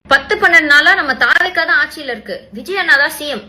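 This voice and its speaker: A woman's voice: high-pitched, quick pace, sharp tone. A woman, giving an indignant political rant full of rhetorical questions in a social media video.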